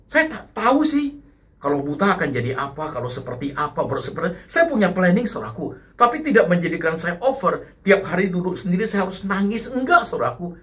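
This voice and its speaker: A middle-aged male pastor delivers a sermon to his congregation. His pitch moves a great deal, dropping soft at the ends of phrases and rising into forceful, emphatic bursts. He slips English phrases into his preaching now and then. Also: very animated, brisk. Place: church.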